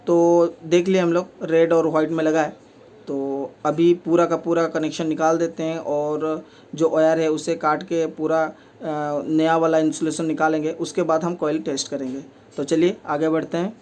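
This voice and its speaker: A man's voice: fairly high pitch, flat delivery, normal speed, darkish tone. A man with speech, a repair technician who explains each step of fixing a table fan in a plain way, with many fillers. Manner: speaks while working with his hands.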